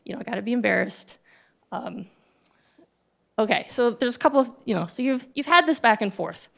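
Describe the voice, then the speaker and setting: A woman's voice: fairly high pitch, lively intonation, a little fast, vocal fry. A woman giving a casual, conversational talk at a tech meetup, acting out sample dialogue with frequent ums and restarts. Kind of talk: casual presentation to an audience. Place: meetup event venue.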